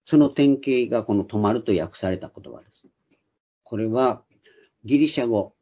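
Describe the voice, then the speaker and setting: Older man, husky and dark-voiced. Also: lowish voice, normal speed. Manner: explanatory, with frequent hesitant fillers. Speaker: Bible teacher. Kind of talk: Bible study lecture. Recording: dull lo-fi recording.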